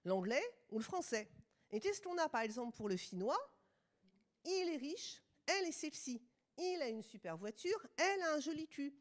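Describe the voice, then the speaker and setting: A woman's voice: high-pitched, sing-song, moderate pace. A middle-aged woman from France with a French accent, giving a conference lecture with ironic asides.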